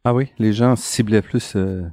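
Low-voiced male interviewer, dry sound. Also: fairly even intonation, measured pace, mellow, no echo. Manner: inquisitive, plain-spoken questions. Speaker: interviewer, host. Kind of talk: casual interview.

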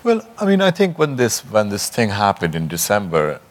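Low-pitched man, posh educated Indian accent. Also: huge pitch swings, normal speed. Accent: educated Indian English. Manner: articulate, discursive, often rephrasing mid-sentence. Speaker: author and journalist being interviewed. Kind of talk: conversational discussion at a book talk.

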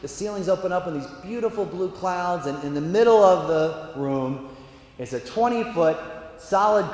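A man telling a long joke to an audience, animated and acting out the scenes with chuckling asides. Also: a little high. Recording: echoey hall with faint ambience.

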